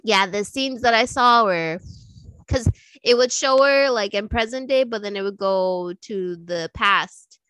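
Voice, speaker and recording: A woman co-hosting a podcast, chatting casually about films and TV in a lively, animated way and laughing easily. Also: mid-range voice, unhurried, clean tone, no echo. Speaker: podcast co-host.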